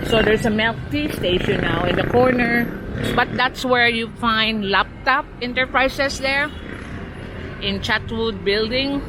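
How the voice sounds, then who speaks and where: A woman's voice: on the high side, measured pace. A woman with a Cebuano Filipino accent giving a casual walking street tour, her articulation slightly impeded by new braces. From Cebu, Philippines. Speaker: vlogger. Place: outdoors on a busy city street. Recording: noisy outdoor street with traffic.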